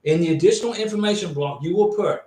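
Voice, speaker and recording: Fairly high-voiced man answering live questions. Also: fast talker, dark tone. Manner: reads viewer questions aloud then answers directly. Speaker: livestream host answering visa questions. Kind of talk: casual livestream Q&A. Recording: roomy, distant and noisy.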